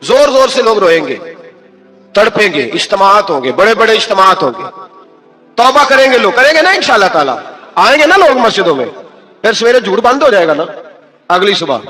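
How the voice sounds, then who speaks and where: A preacher delivers a fervent sermon in a notably high voice. He keeps throwing questions at the crowd, half scolding and half pleading. Soft music hums faintly underneath. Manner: fires rhetorical questions at the audience. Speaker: Islamic preacher. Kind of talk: impassioned sermon.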